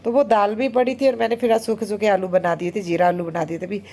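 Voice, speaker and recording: A woman in her thirties narrates her home vlog in a casual, chatty way. She talks very fast and keeps dropping little fillers as she goes. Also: medium pitch, fairly even intonation, a little mellow. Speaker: homemaker vlogger.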